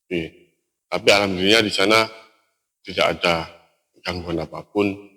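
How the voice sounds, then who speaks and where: A young man telling a story from a mountain hike in a relaxed, halting way, pausing and restarting often. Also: low-pitched. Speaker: storyteller recounting a hiking trip. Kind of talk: casual spoken storytelling.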